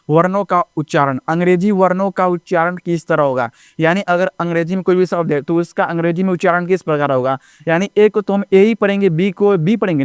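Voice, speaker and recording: A man with a high-pitched, clean and resonant voice runs a basic lesson. He recites letters slowly and keeps asking his listeners if they follow. The sound is dry and close. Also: clean tone, no room sound. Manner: repetitive, keeps checking with "ठीक ना?" and addressing viewers as friends. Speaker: teacher. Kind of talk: classroom-style lesson narration.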